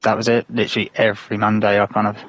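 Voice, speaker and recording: A man's voice: lowish voice, monotone, rapid-fire, fairly bright tone, no echo, lo-fi sound. A man from the UK, a podcast guest, talking in a laid-back, hesitant way with chuckles. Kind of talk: casual podcast chat.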